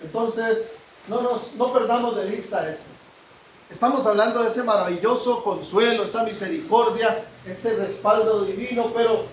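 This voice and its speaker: A man preaching a sermon as pastor, frank and direct with his congregation, swinging from loud exclamations down to a hush. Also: sits high, a little hiss or hum. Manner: preaching with rising exclamations and sudden drops to a hush. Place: church hall. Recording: echoey hall, mic at a distance.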